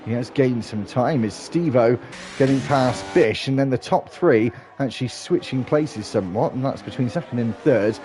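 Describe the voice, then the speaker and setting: Over music, a man with a mid-range voice calls an online sim race live at normal speed. His commentary flows steadily despite small restarts, and hay fever makes him sound slightly stuffy.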